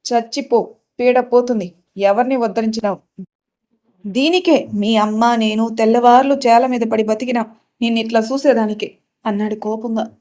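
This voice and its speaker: A woman voicing a stern middle-aged village father who lectures his daughter loudly. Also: a little high, fairly even intonation, brisk, lightly acted. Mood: angry. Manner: harsh, loud, lecturing.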